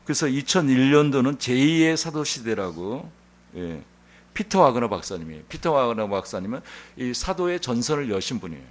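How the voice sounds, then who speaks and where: A male pastor preaching a Sunday sermon in an animated, conversational storytelling manner. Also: mid-range voice, normal speed. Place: church sanctuary.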